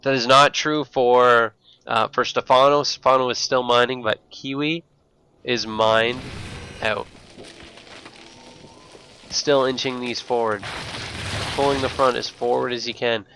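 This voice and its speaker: Guy with a slushy lisp casting a video game match, bright forward voice, some noise behind him. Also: medium pitch, steady tone, unhurried, long pauses. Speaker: esports shoutcaster. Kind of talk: live StarCraft match commentary.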